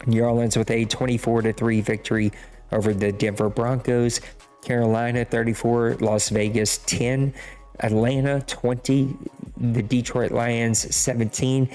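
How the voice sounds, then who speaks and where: With a darkish, mid-range voice and a Cajun accent, this Louisiana podcast host, a native Cajun French speaker, goes over scores casually. His recap rambles and leans self-deprecating.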